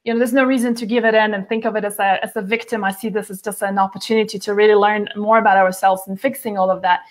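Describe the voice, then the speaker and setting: Talking fast in a level, mid-range voice, a woman in her forties is interviewed over video call as a guest nutrition author. She's at home by a window with plants behind, chatty and full of fillers and restarts.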